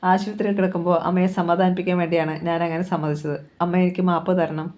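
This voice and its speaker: Storyteller doing an earnest young guy begging his mom, soft mellow voice. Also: mid-range voice, little pitch movement, quick pace, natural voice. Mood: pleading. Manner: pleading. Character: young man, earnest and pleading son.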